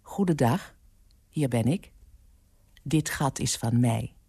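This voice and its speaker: A woman reader voicing an old man, possessive and easily unsettled, in a slow mumbling voice. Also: a bass voice, vocal fry, warm tone, husky, dry recording, studio quality, voice pushed down, heavily acted. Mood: smug mumble.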